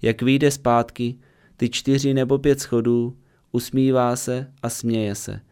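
A man reads a spiritual discourse in a mellow, dark voice. He sounds smooth and resonant, and his delivery is calm, measured and earnest throughout. It is a steady voice-over reading of a meditation talk. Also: medium pitch.

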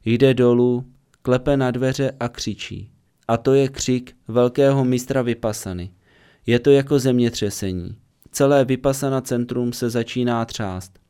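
A man giving a calm, measured voice-over reading of a meditation teacher's spiritual talk, steady and earnest. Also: medium pitch, clear, resonant tone.

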